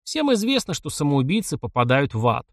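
A man's voice: a little high, very animated, fairly quick, fairly bright tone, dry recording, studio quality. Man doing a blunt superstitious corporal. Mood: grim. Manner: blunt, folksy soldier talk.

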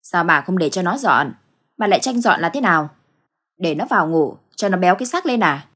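Woman voicing a grumpy nasty old father-in-law, husky. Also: on the low side, animated, fairly quick, fairly bright tone. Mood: grumbling. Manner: grumbling, spiteful. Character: old father-in-law, spiteful and slow-witted.

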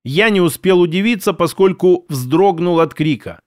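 A man reads a story aloud in an even, steady narrating manner. His voice sits somewhat high. The recording is close and dry, with no room sound. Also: moderate pace, no echo. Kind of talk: audiobook narration.

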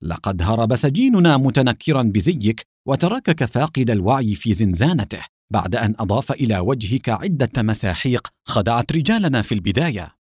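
A man reading aloud, voicing an angry, stern male police officer with a harsh, booming manner. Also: big pitch swings, a little fast, darkish tone, husky, no echo, studio quality.

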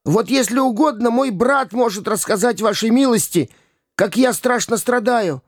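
A man's voice: very high voice, moderate pace, no room sound, clean studio sound, voice pushed up. A man voicing a cunning, mocking vagabond boy in a storybook reading, jeering and wheedling. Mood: whining plea. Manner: wheedling, jeering, pleading when begging.

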